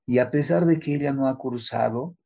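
A man interviewee speaking reflectively and haltingly, with many fillers. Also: mid-range voice, gravelly, dark tone, breathy edge. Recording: dull, lo-fi audio.

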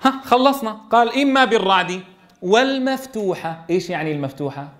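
A man's voice: high voice, animated, fast, a bit bright. A man leading a classroom tajweed lesson for Quran teachers, explaining step by step and checking in with his students.

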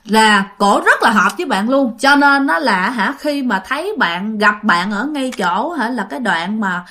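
A woman tells a ghost story, chatty and informal. She keeps turning to her listeners as she goes. Her voice sits a little high. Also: animated, unhurried, bright, forceful tone.

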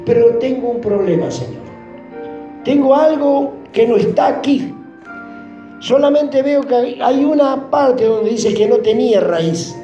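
Preacher guy, pleading prayer-style sermon, really animated pitch, echoey room w faint music. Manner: pleading, fervent, speaks as if praying aloud. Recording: roomy echo with faint music.

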